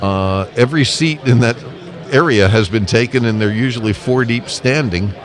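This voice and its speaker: Speaking at normal speed in a medium pitch, a public relations manager gives an interview at a live event, a noisy convention crowd loud behind him. His answers are conversational, eager, chatty and emphatic.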